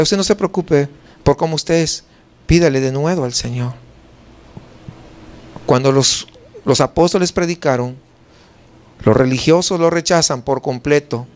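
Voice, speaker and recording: High-voiced Mexican pastor preaching. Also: male voice, vocal fry, a little mellow. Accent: Mexican Spanish. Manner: rhetorical questions answered himself, emphatic preaching. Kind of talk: sermon.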